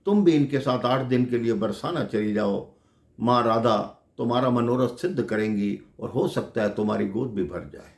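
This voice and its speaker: A man voicing a kind mother-in-law who gently advises her daughter-in-law, in a devotional story. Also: medium pitch, normal speed, creaky, reverberant, lightly acted. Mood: caring.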